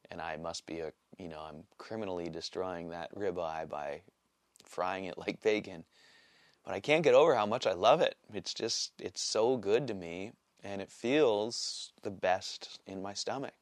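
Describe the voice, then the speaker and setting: A man in his late forties giving a casual, rambling vlog update, halting often with fillers and restarts. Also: deep voice, no room sound, studio quality. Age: 40s. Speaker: vlogger. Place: small cold workshop shack.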